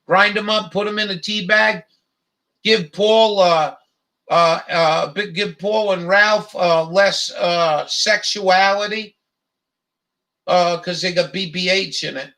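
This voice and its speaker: A man hosts a live chat and rants, heated and profane, rambling through fillers. His voice is high and gravelly, with a bright, tense edge. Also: steady tone, takes it slowly. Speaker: livestream host. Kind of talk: angry profane rant.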